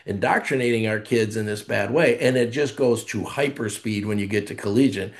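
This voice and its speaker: A middle-aged man in a casual podcast conversation, an animated storyteller who acts out the voices he quotes. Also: fairly low pitch, fairly quick. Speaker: college athletic conference leader.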